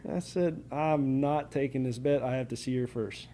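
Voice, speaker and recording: Mellow man telling stories. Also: mid-range voice, fairly even intonation, normal speed. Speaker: podcast host. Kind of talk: casual storytelling. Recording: clear background ambient noise.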